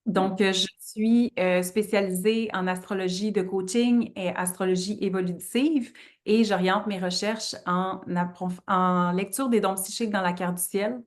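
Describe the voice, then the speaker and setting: A woman's voice: medium pitch, fairly even intonation, unhurried. A woman in her thirties from Quebec with a Québécois French accent, answering interview questions thoughtfully with many fillers. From Quebec, Canada. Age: 30s. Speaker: astrologer guest.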